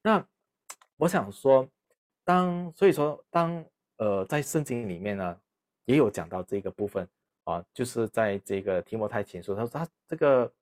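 A man's voice: on the low side, a little mellow. Man, sermon, conversational preaching, frequent fillers.

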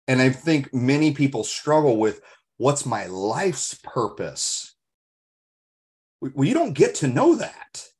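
A man's voice: mid-range voice, a little mellow. A man co-hosting a podcast in casual discussion, talking in an earnest, reflective way, with emphatic rhetorical questions and stories. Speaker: podcast co-host.

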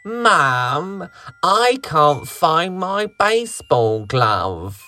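A man's voice: on the high side, sing-song, drawn-out words, sharp tone, faint music behind, heavily acted. A man voicing a small, curious boy who keeps losing his toys, calling out in a whiny, pleading way.

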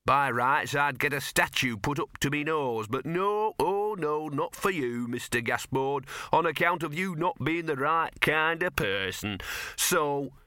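Sullen and aggrieved, the small bow-legged talking dog of an audiobook grumbles, mutters and whines self-pityingly in slangy, everyday speech, voiced by a man. His mid-range voice is expressive and sharp, at normal speed, captured at studio quality without echo.

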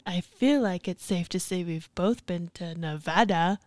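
A woman's voice: lowish voice, darkish tone, dry recording. Playful giggly woman co-host, dry sound. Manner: playful, giggly, quick interjections. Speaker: podcast co-host. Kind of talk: casual podcast chat.

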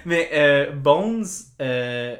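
A woman with a Québécois French accent, co-hosting a casual podcast chat, animated and swearing, with lots of fillers and loud laughs. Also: deep voice, very slow. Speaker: podcast co-host. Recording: echoey room.

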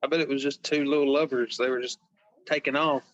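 A man co-hosting a podcast, chatting casually in a joking, deadpan way. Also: medium pitch, a little fast, no echo. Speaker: podcast co-host. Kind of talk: casual chat. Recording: dull lo-fi sound.

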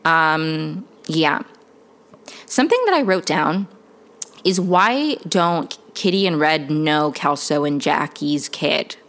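A woman's voice: low-pitched, animated, fairly bright tone. A woman giving a casual, chatty episode-by-episode TV recap, full of "like" and "um" fillers. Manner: chatty, lots of "like" and "um", quick laughs. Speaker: TV recap vlogger.

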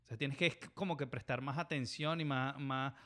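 A man's voice: medium pitch, fairly even intonation, normal speed, bright, forceful tone. A man with a Venezuelan accent who works as a pilot, chatting casually and rambling with many restarts. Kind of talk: casual conversation.

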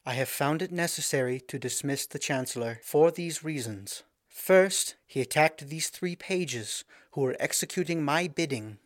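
A man's voice: medium pitch, dry recording, clean studio sound, natural voice. A man voicing a proud young queen in a storybook reading, speaking in a haughty, commanding way.

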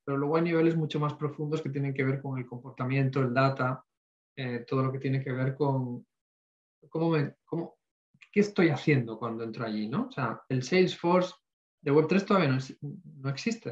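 A man's voice: mid-range voice, normal speed. A man in an informal expert discussion, reflective, often adding tag questions and English tech terms to his Spanish. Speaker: panel participant. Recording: echoey room, dull lo-fi audio.

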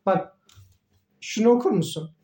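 A young co-host chats in a loose podcast among friends with a mellow, dark tone. The voice rings in a roomy, echoey space, and the remarks come as dry, joking asides. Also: mid-range voice, expressive, a little slow. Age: young adult. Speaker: podcast co-host, engineering student. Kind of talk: casual chat among friends.

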